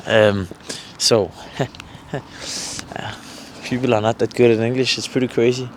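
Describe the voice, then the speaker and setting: On a windy, noisy roadside in a mountain valley, a male vlogger puts questions to passers-by in a casual, slightly hesitant, rambling way. He speaks a little slowly, with a steady tone and medium pitch.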